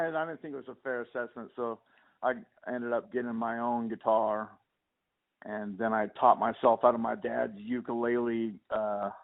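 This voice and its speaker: A man, a musician guest, chatting casually and rambling in an interview, often laughing at himself. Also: medium pitch. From Northern California. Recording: tinny phone-like sound.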